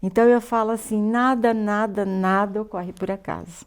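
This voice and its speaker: A woman's voice: mid-range voice, moderate pace, clear, resonant tone. An older woman with a Brazilian Portuguese accent, a guest in an interview, telling a personal story and acting out the dialogue. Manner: lively storyteller, acts out dialogue.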